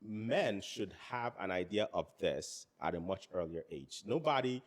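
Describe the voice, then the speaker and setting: A man's voice: low voice, animated, measured pace. A middle-aged man with an African accent, talking in a reflective, searching way in a casual roundtable chat, often repeating words as he starts a thought.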